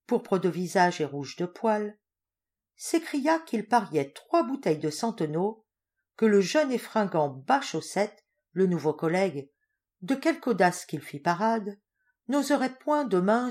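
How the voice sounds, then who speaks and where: A woman narrating a literary audiobook with an expressive, animated delivery. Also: mid-range voice. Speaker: audiobook reader.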